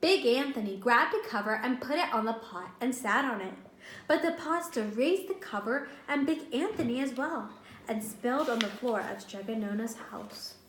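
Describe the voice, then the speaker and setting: A teacher with a fairly high, expressive, somewhat bright voice reads a picture book aloud to young children at a moderate pace, pausing to ask questions and explain. The room sounds roomy and echoing, with a little hiss or hum.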